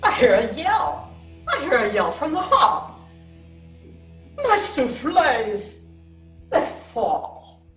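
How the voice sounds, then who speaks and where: A woman's voice: high-pitched, fairly bright tone, echoey room, far from the mic, heavily acted. An actress playing a frantic royal chief chef who wails melodramatically over her fallen desserts. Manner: melodramatic, wailing.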